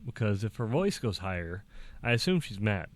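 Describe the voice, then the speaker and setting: A young man talking casually to the camera, halting and restarting, with small laughs between thoughts. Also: on the low side, very animated. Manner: acts out quoted dialogue in a raised voice. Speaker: vlogger.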